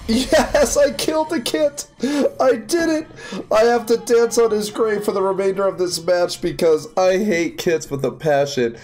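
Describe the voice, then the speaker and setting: A young man giving casual, excitable commentary while playing a video game, yelping and squealing at his wins. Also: high voice, a little slow. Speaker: gaming YouTuber. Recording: faint music behind.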